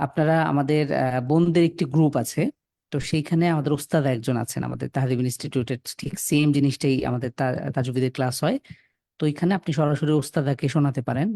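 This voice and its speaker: A man leads a Quran reading class in a warm, mellow voice. He patiently sounds out letters, stretching and repeating them for his students. The recording is dry and close, with no room sound. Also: mid-range voice, steady tone, a little fast, gravelly, no echo. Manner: sprinkles in pious phrases. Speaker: Quran teacher. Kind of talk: Quran recitation lesson.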